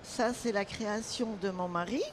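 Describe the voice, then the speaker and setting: A woman's voice: medium pitch, moderate pace, a little hiss or hum. An older woman from Lorraine, a retired baker, proudly describing her family's traditional products in a casual interview at a trade fair stand, speaking into a handheld mic. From Lorraine, France. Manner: proud, storytelling about family recipes. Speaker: baker and caterer, retired owner. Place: trade fair stage, indoors.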